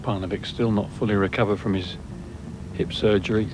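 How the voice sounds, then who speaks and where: A man's voice: fairly low pitch, steady tone, a little fast. Male golf commentator over outdoor noise. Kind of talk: live golf analysis commentary. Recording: noisy outdoor broadcast ambience. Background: outdoor course ambience.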